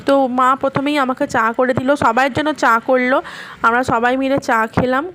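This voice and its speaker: A woman's voice: high voice, fairly even intonation, normal speed, fairly bright tone. A tired, unwell woman narrating her daily home vlog in a chatty voice-over, rambling through her day. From India, West Bengal. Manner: chatty, rambling everyday storytelling. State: weak and tired from illness. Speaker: vlogger.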